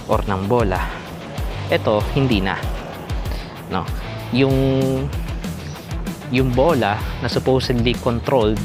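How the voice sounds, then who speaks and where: Filipino man reviewing over prominent music. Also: lowish voice. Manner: explanatory, addresses viewers directly. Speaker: vlog host, motorcycle reviewer. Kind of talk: casual vlog review.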